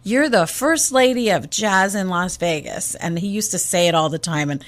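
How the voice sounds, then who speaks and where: In a lowish voice at normal speed, a jazz singer who grew up in Egypt guests on a casual radio interview. She tells stories with animation, voicing quotes dramatically and restarting her words.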